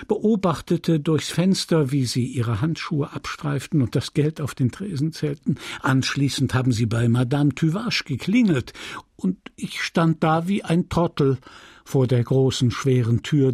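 A man's voice: a little high, moderate pace, darkish tone, husky, no echo, clean studio sound. Léon, a man reading as a shy young clerk. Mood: wistful.

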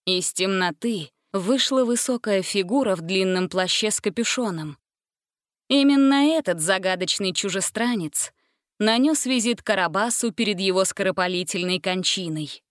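Woman storybook narrator, measured delivery, mid pitch, dry close recording. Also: expressive, no echo. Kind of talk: storybook reading.

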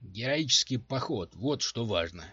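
A man voicing a blunt, hot-tempered woman warrior in a husky voice on a dull home recording. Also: mid-range voice, animated, measured pace, sharp tone, dry recording, heavily acted. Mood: irritated.

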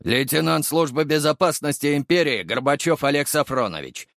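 A flustered male lieutenant who blusters and protests, as a man voices him in an audiobook. The voice is pushed higher than the narrator's own and sounds close and dry. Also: expressive, moderate pace, gravelly, a bit bright, dry recording. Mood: formal. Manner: blustering, indignant. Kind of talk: audiobook character voice.

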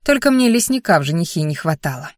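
A woman's voice: fairly low pitch, very animated, fast talker, dry recording, studio quality. Woman narrating a first-person novel. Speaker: audiobook narrator.

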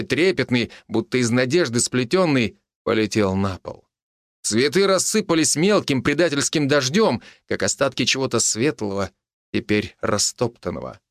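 A man narrating a scripted story with expressive, dramatic delivery. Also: mid-range voice, no room sound, studio quality.

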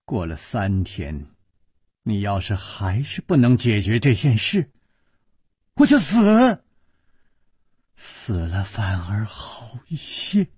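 A man's voice: lowish voice, very animated, slow, long pauses, a little mellow, slightly rough, no room sound, studio quality, heavily acted. A man doing a trembling, frightened young girl. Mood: resolute, despairing. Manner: trembling, stammering speech.

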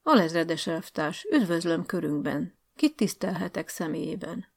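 A woman voicing a cautious, formal middle-aged male school director who speaks politely and placatingly, with a gravelly voice. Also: on the low side, expressive, heavily acted.

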